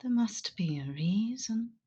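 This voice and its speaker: A woman voicing a wary young female investigator in whispered role-play, speaking in a hushed, breathy whisper. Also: mid-range voice, animated, unhurried, muffled recording, voice pushed up.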